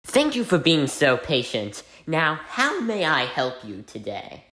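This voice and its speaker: An actor playing a bored customer service agent at a cable company, reciting phone scripts in a short film. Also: male voice, a little high, wildly swooping pitch, a little slow, echoey room, music in the background. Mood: dismissive. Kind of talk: short film comedy acting.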